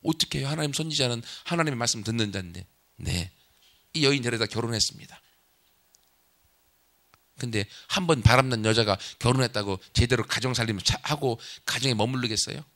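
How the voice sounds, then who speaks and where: A man's voice: mid-range voice, fairly quick, a bit bright. A male pastor giving a sermon in a conversational way, asking the congregation questions.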